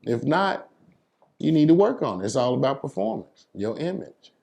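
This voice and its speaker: In a casual interview, a DJ from New York City offers emphatic, slangy advice. He sounds very animated at a normal speed, with a gravelly, darkish voice in the middle range.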